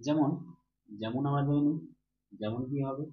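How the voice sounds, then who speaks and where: A man's voice: mid-range voice, moderate pace. A male teacher giving a grammar lesson to students. He asks questions, answers them himself, and repeats each key term. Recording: roomy, dull, with faint hum.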